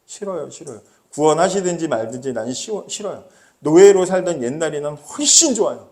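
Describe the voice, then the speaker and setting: A pastor acting out sulky ungrateful complainers, muttered whining. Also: male voice, a little high, lively intonation, fairly quick, darkish tone. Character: sulky ungrateful grumbling crowd.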